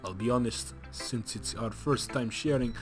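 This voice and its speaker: A man voicing a shy, polite bookish teen girl in a let's play, speaking softly and apologetically. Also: medium pitch, moderate pace, music in the background, natural voice. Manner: soft and apologetic. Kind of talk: let's play character reading.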